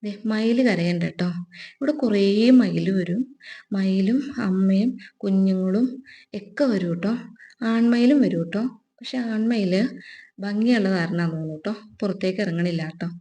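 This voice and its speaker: A woman with a Keralan accent talks easily outdoors in her garden while birds chirp nearby. She chats at a mid pitch and tags nearly every sentence with a friendly little aside, like catching up with a neighbour. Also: normal speed, warm tone. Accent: Keralan Malayalam. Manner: chatty, adds a tag to nearly every sentence. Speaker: vlogger. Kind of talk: casual gardening vlog.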